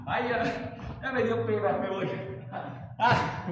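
A Mexican man with a strikingly high voice leads an exercise class, calling out counts and moves at an unhurried pace. He sounds playful and coaxing, heard from a distance in a big hall with long, booming reverb. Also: fairly even intonation, a crowd in the background. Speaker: fitness instructor. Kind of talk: live online exercise class. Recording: echoey hall from far off.

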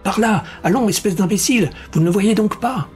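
A man doing a loud excitable bystander. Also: sits high, extremely slow, soft background music, pitched above the performer's own voice, heavily acted. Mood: shouting. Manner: loud shouting calls. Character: shouting fat man in tweed, excitable.

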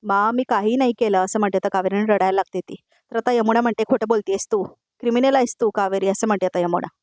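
Brisk woman narrating a serial recap. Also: mid-range voice, darkish tone, dry recording, studio quality. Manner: retells scenes line by line, tagging each quote; addresses viewers directly with asides. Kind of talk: voice-over episode recap.

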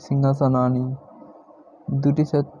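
A man teaching a lesson, explaining word by word and repeating each term slowly. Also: medium pitch, monotone, mellow, a little hiss or hum. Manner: slow, repeats each word several times. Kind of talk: step-by-step classroom explanation. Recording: dull lo-fi sound.

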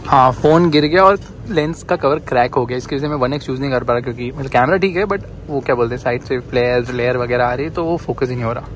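A man in his thirties with a mid-range voice talks fast, barely pausing, as he shoots a casual travel vlog on a handheld action camera. He chats and jokes in lively narration while walking outside in the cold, shopping in a supermarket, and spending time in a motorhome. The audio is poor, with slight background noise.

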